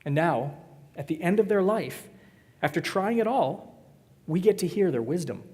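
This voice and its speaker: A man's voice: sits high, animated, normal speed, darkish tone. A man preaching a sermon to his congregation, conversational and joking, teasing the crowd between points. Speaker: pastor. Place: church sanctuary. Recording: long reverb of a church hall.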